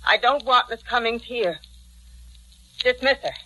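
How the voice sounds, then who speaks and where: An actress playing a jealous, domineering middle-aged invalid wife in a 1940s radio drama, imperious and accusing. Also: female voice, a little high, lively intonation, a little slow, sharp tone, heavily acted, poor audio. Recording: vintage radio recording with faint noise.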